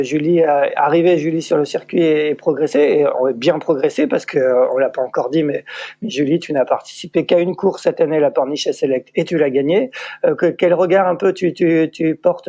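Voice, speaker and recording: A male podcast host puts questions to his guests, stumbling and repeating words as he frames them. His voice is mellow and a little higher than most men's. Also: highs cut off. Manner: halting, repeats words while asking. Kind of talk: interview questions.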